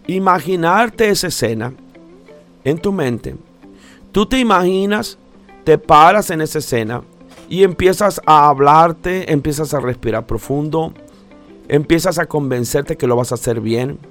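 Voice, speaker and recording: A man delivers a motivational talk, speaking straight to the listener. He repeats key phrases for emphasis, in a voice pitched a little high. Soft music plays faintly underneath.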